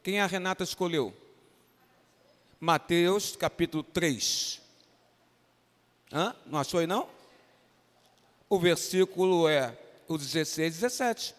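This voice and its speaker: Brazilian pastor guy, high voice, animated and coaxing with the kids, long church echo. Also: slow pace, long pauses. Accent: Brazilian Portuguese. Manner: coaxing, animated, calls on children by name. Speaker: pastor leading a children's Bible lesson. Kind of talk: interactive children's sermon. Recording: reverberant church hall.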